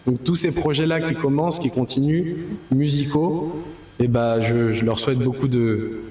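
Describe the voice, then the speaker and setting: A man's voice: medium pitch, moderate pace, mellow. A man, a singer being interviewed, talking in an earnest, rambling way with many restarts. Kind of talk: casual interview talk. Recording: echoey room.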